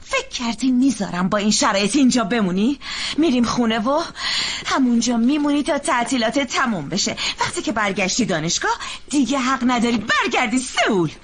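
A woman's voice: on the high side, big pitch swings, slight background noise. A middle-aged woman dubbing a stern mother who lays down the rules. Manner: stern, firm. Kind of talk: Persian dubbing of a TV drama.

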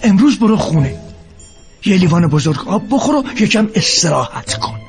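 A man voicing a calm middle-aged father in a dubbed drama, gently teasing and knowing. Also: sits high, over music. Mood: wry. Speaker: student's father.

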